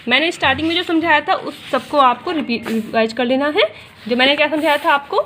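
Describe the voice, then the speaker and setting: A woman's voice: high voice, fast, fairly bright tone, a little hiss or hum. A woman maths teacher, explaining step by step and asking and answering her own questions as she talks to students. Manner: addresses students directly, repeats key points; mixes English terms into Hindi. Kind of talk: classroom maths lesson.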